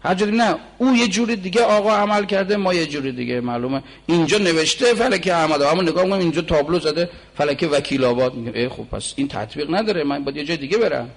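A man in his forties delivering a sermon with a gravelly, raspy edge to a voice that sits a little high for a man. He talks to the listeners in an easy, conversational way, then slows right down to chant lines of verse in long, drawn-out phrases. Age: 40s. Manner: shifts between conversational preaching and slow, drawn-out chanting of poetry. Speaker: preacher.

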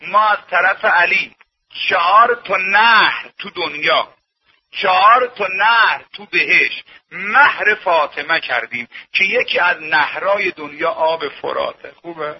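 A man preaching a sermon in an impassioned way, rising to shouts and dropping to hushed storytelling. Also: high voice. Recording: dull lo-fi old tape.

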